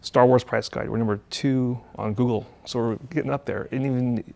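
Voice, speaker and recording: A man's voice: mid-range voice, fairly even intonation, brisk, vocal fry, a little mellow. A man, a toy shop owner, talking as a guest on a casual show, hesitant with many fillers. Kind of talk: casual talk-show chat.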